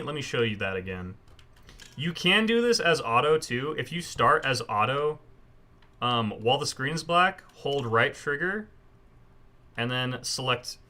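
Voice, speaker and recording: A man with a mid-pitched, bright and forward voice gives casual commentary for a gameplay tutorial. He explains each step informally, as a speedrunner showing others the route.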